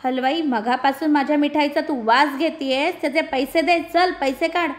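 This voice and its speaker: A woman's voice: high-pitched, normal speed, close to an everyday voice. A woman voicing a greedy male sweet seller who bossily demands money, in a storybook lesson. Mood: demanding.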